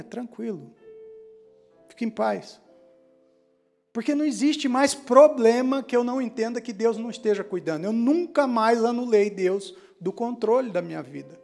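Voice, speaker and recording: Man, high voice, storytelling sermon, faint music behind. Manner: storytelling, quoting others in hushed voices. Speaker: preacher. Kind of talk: testimony sermon.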